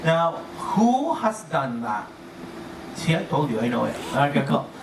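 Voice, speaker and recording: An upbeat, playful cruise director jokes his way through a live presentation for guests, chuckling often at his own gags. His voice is fairly high with big pitch swings, and he takes his time. The room is echoey and noisy, picked up by a distant mic.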